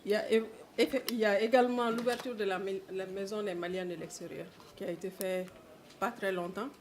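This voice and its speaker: A woman's voice: mid-range voice, fairly even intonation, brisk, slight background noise. A woman member of parliament giving an earnest speech at a forum, stressing her points to the audience.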